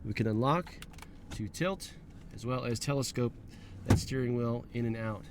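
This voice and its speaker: A man's voice: mid-range voice, moderate pace, very noisy. A man giving a casual, chatty walkaround of a car for a dealership, making offhand remarks to himself as he moves from outside the car to its cabin. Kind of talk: casual vehicle walkaround narration. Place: outdoors around a car, then inside it.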